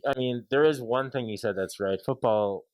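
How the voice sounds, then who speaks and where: A man's voice: medium pitch, normal speed, a little mellow, clear, resonant tone, dry recording. A man hosting a comedic sports debate show, teasing and playful with the panel. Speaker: host.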